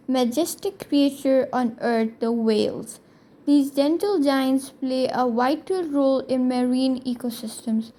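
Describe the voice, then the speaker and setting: A woman's voice: sits high, darkish tone. A woman reading scripted documentary narration as host of a nature video, in an earnest, presentational manner.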